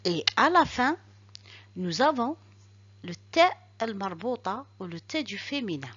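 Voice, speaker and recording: A woman teaching a recorded reading lesson, explaining rules step by step and slowly repeating each example word. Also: mid-range voice, very animated, fairly bright tone, slightly rough, lo-fi sound. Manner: slow, careful, repeats examples syllable by syllable.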